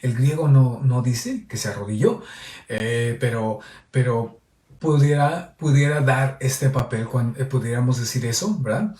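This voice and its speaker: A man's voice: mid-range voice, lively intonation, a little slow, a little mellow. A priest giving a homily on a Gospel reading in a teacherly way, often checking in with his listeners. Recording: echoey, voice heard from a distance.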